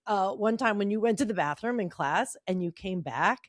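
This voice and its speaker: A woman co-hosting a podcast in casual chat, teasing and expressive. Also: mid-range voice, moderate pace, no room sound, studio quality. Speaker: podcast co-host.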